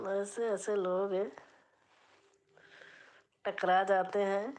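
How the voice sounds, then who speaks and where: Very slow-talking woman livestream host. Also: medium pitch, darkish tone. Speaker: live stream host. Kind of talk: casual live stream chat with viewers.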